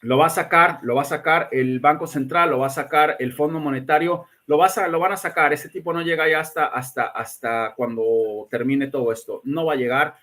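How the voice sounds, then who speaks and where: A man's voice: a little high, steady tone, a little fast, few pauses, fairly bright tone. Emphatic man hosting a livestream. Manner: greets viewers by name between points; emphatic, repeats words and restarts often. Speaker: livestream host giving predictions. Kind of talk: casual livestream talk.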